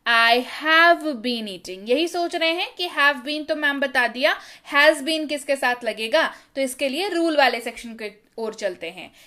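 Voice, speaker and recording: A young woman teaching English grammar to students, reading example sentences out slowly and word by word between quick check-ins. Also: high-pitched, pushed and bright. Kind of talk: explaining tenses to students.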